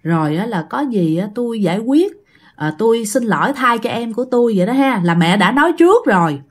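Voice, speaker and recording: Animated Southern Vietnamese woman telling ghost stories. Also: fairly high pitch, fairly quick. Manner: animated, addresses listeners directly. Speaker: storyteller. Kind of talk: ghost story narration.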